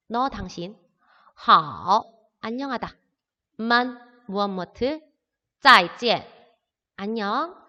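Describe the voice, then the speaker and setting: A woman teaching an introductory language lesson, explaining words patiently step by step. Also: on the high side. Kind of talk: recorded classroom lesson. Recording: dull lo-fi audio with long reverb.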